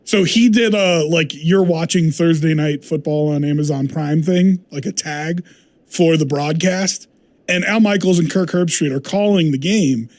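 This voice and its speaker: A man's voice: on the high side, measured pace, darkish tone. A man filling in as sports radio host, chatting casually, teasing and laughing easily.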